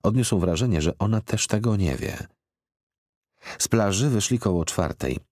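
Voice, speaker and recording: A man narrating a literary audiobook in a measured, expressive reading. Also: on the low side, dry recording. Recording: dry close studio recording.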